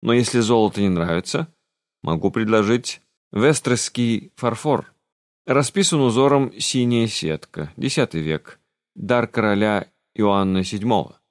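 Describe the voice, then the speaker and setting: A man's voice: fairly low pitch, measured pace, no echo, clean studio sound, close to an everyday voice. A man voicing the grumpy, aloof master of an old castle in an audiobook, grumbling and condescending. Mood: sardonic.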